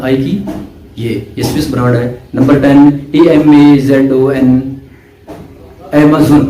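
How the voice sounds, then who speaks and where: A man hosting a pronunciation lesson, spelling each word out letter by letter and then repeating it slowly, like a teacher. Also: mid-range voice, warm tone. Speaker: language teacher and channel host. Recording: roomy sound from away from the mic, faint noise.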